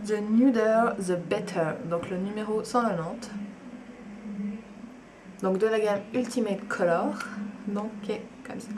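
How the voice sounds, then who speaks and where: A woman's voice: mid-range voice, background noise. Chatty young woman. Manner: chatty, enthusiastic, with fillers and asides. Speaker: beauty vlogger. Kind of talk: casual makeup tutorial.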